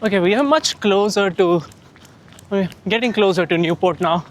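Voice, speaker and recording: High-voiced man chatting while running. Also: moderate pace. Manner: talking while running outdoors. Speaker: running vlogger. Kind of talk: casual vlog chat to camera. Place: outdoors on the move. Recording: outdoor wind and background noise.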